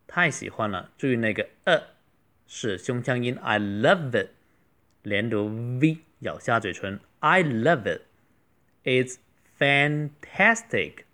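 A man teaching a beginner English lesson, slowly drawing out model phrases and explaining them quickly. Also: medium pitch, expressive, fairly bright tone. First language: Mandarin.

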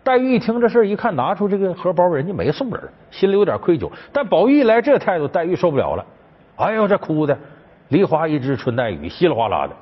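A man giving a colloquial, animated storytelling lecture on a classic novel, speaking straight to his listeners. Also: high-pitched, quick pace, breathy edge. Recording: dull, with background music.

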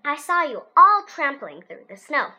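A woman voicing a kindly middle-aged male school principal in a storybook read-aloud, speaking in a gentle, cheerful way. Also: high-pitched, big pitch swings, normal speed, pitched above the performer's own voice, heavily acted.

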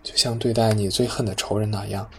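A man reading a guarded young woman, soft-spoken. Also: lowish voice, flat delivery, fairly quick, a little hiss or hum. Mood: tender. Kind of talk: audiobook character reading.

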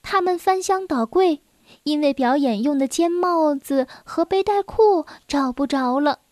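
A woman narrating a children's story in a gentle, expressive read-aloud manner, adding little asides to young listeners. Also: high-pitched, a little slow, no room sound, clean studio sound.

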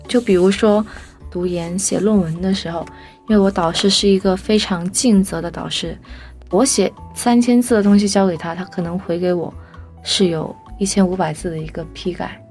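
A young woman telling a personal story as a podcast guest, lively and animated, briefly voicing the people she quotes. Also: fairly low pitch.

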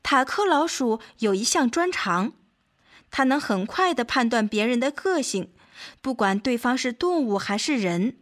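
Gentle woman reading a children's story. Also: on the high side, animated. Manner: gentle, clear, measured for children. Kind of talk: scripted storybook narration. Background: faint music.

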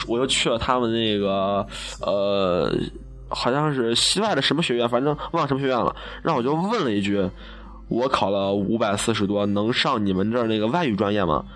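A man's voice: medium pitch, animated, fairly quick, a bit bright. A young man from Xi'an, telling funny stories in a chatty, self-mocking way. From Xi'an, China. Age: young adult. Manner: chatty, self-mocking, laughs at own jokes. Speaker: broadcasting student. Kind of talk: casual storytelling monologue.

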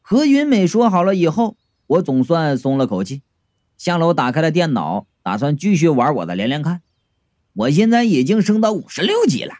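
A man's voice: on the high side, sing-song, moderate pace, darkish tone, no room sound, clean studio sound. A man narrating a comic ghost audiobook in the first person, with wry, jokey asides. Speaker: storyteller. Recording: faint background music.

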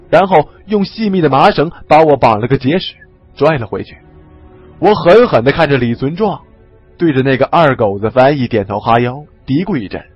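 A man narrating a story in the first person, with lively, expressive storytelling. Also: on the high side, breathy edge, dry recording, highs cut off.

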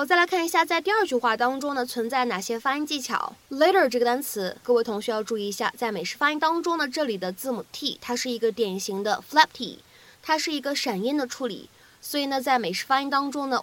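A woman whose first language is Chinese teaches English pronunciation, explaining each sound and slowly repeating phrases for practice. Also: high voice, animated, a bit bright, poor audio. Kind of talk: explanatory lesson narration.

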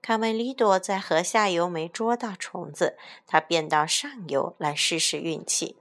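A woman reads a children's picture book aloud, bringing it to life with lively character voices. Her voice sits fairly low with a gravelly edge. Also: unhurried. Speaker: storyteller.

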